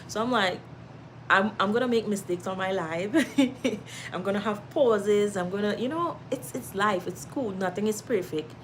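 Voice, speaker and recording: Heard at medium pitch over slight background noise in a rough recording, a Trinidadian woman hosts a laid-back livestream from home. She reads out what viewers write, laughs often, and encourages them warmly.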